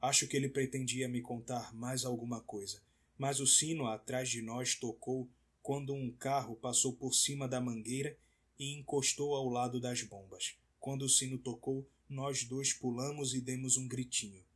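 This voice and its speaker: A man narrating an audiobook in a measured, somber reading. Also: medium pitch, fairly even intonation, slightly rough. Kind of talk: scripted narration.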